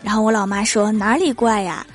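A young woman hosting a comedy show, telling comic stories in a lively, teasing way. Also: medium pitch, brisk, soft background music. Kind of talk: scripted comic monologue.

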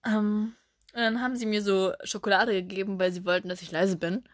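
A young woman co-hosting a casual chat, animated, acting out her younger self and laughing often as she tells a story. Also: mid-range voice, brisk, no room sound, studio quality. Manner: animated, acts out her younger self with sudden loud cries; laughs often while telling. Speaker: podcast co-host.

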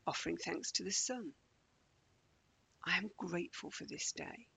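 A man leading a guided morning meditation in a slow, gentle, calming way, often dropping close to a whisper. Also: sits high, creaky, slightly rough.

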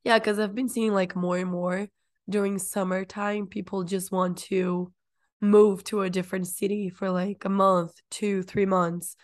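A woman hosting a podcast, chatting in a relaxed way and asking her guest friendly, open questions. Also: mid-range voice, unhurried. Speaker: podcast host. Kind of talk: casual podcast interview.

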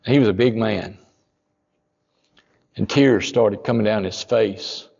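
A man, a pastor telling a story in a sermon, folksy and rising to loud emphatic peaks. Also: fairly low pitch, slow, vocal fry, husky, long reverb tail, lo-fi sound.

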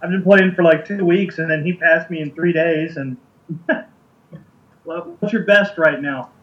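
A man's voice: fairly high pitch, a little slow, highs cut off. A man co-hosting a podcast in casual chat, easygoing and full of ums, laughing often. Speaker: podcast co-host.

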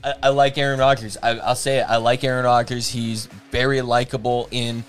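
A man's voice: medium pitch, little pitch movement, brisk, clean tone, soft background music. A man hosting a casual podcast chat, rambling and profane, with lots of fillers and restarts. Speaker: podcast host.

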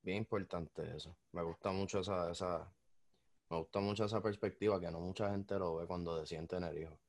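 Low-voiced, joking man in casual chat. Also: steady tone, fairly quick, darkish tone. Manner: joking and teasing. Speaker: podcast co-host.

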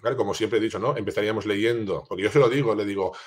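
A man's voice: fairly low pitch, racing. A man, a teacher explaining a classroom project in an informal way, with many fillers and restarts. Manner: restarts and repeats words while thinking aloud.

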